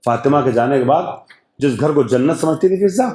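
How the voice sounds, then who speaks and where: A man delivering an impassioned mourning sermon as a religious orator, declaiming, repeating phrases and building up to shouting in a large hall. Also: medium pitch, expressive. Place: large hall with lamps put out.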